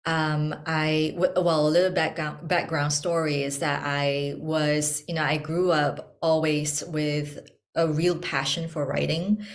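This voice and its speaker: A woman from Malaysia speaking as an interview guest, soft-spoken and reflective, pausing often with ums. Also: sits low. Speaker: guest, tea ceremony practitioner. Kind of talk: casual interview conversation.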